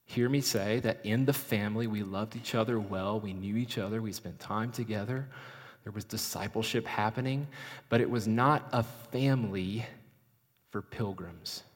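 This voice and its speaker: A male pastor preaching a sermon in a church, slow and dramatic, dropping to a hush and then rising for emphasis. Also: lowish voice. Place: church sanctuary. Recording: long reverb of a large hall.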